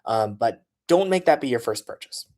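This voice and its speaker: Relaxed and conversational, a man of medium pitch walks through his filmmaking process; he makes transit videos. He keeps stopping on filler sounds while figuring out what to say next, giving the casual how-to a loose, chatty feel.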